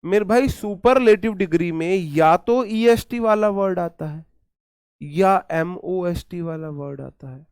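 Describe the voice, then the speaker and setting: Male grammar teacher, slightly high voice, dry close sound, drills words by repeating them slowly. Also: darkish tone, clear, resonant tone, no echo. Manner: repeats words slowly to drill pronunciation, calls students "brother". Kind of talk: exam-prep lecture.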